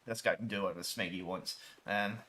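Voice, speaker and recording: Male gaming streamer, bright forward voice, chatty and rambling, casual commentary over gameplay. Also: low-pitched, fairly even intonation, fairly quick. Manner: rambling, many ums and restarts, mild swearing substitutes.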